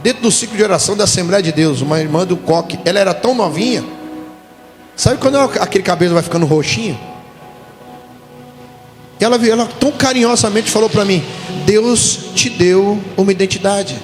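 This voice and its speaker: A pastor from Brazil preaches with a high, bright-set voice, jumping into little acted quotes as he tells his stories. The sound carries a long hall reverb, with faint music under him. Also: fast, pauses often. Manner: animated storytelling with voiced quotes. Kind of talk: sermon. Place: church conference hall.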